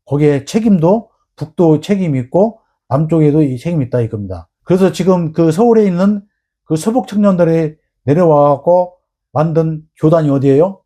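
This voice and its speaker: A man delivers political history commentary on his own, his voice husky and a little high. He speaks emphatically and keeps putting rhetorical questions to the listener. The tone is mellow rather than bright. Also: expressive, moderate pace. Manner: emphatic, rhetorical questions, acts out quoted exchanges. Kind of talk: solo lecture-style commentary.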